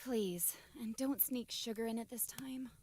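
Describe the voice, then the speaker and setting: A woman's voice: on the high side, measured pace, a little mellow. A woman voicing a stern, bossy young woman in a game who is often exasperated. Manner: curt, exasperated.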